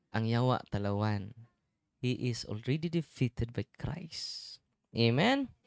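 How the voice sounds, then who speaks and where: A middle-aged male priest delivers a loose, conversational sermon, checking in with his congregation as he goes. His voice has a gravelly, fry-edged texture, and the sound is close and dry. He sits at an everyday middle pitch. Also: darkish tone, no room sound. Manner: chatty, keeps checking in with the congregation.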